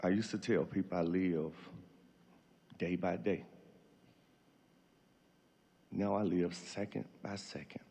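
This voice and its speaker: A middle-aged man with a husky, gravelly voice giving an emotional, tearful farewell speech as a grieving father, halting as he goes. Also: low voice, fairly even intonation, dark tone.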